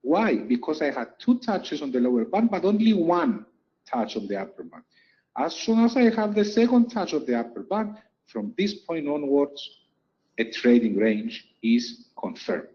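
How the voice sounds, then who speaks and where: A man's voice: a little high, very animated, moderate pace, dull audio. A man teaching a lesson over chart slides, explaining step by step and repeating key points for emphasis. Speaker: trading instructor.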